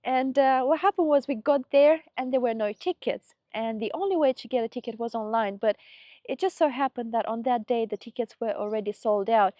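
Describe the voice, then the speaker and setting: A travel vlogger chats casually to her viewers, explaining things in a brisk, mellow, slightly high voice. A mild head cold makes her sound a bit off. The recording is dry.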